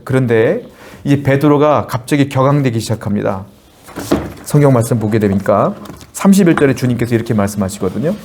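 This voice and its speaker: A man's voice: medium pitch, a little mellow. A man preaching an earnest sermon as a pastor. He asks his congregation questions and answers them himself, reads scripture aloud, and acts out the quoted lines.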